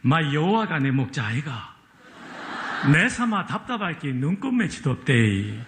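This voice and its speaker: A pastor reading a psalm in a put-on Gyeongsang dialect, lively and laughing. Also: male voice, fairly high pitch, moderate pace, background noise. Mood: playful. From Chungcheong, Korea.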